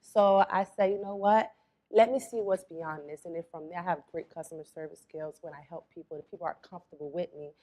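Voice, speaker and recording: A young adult woman from Florida, a spa owner, chatting as an interview guest in a relaxed, storytelling way. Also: lowish voice, a little fast. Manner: relaxed storytelling, quotes her mother. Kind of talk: casual interview talk.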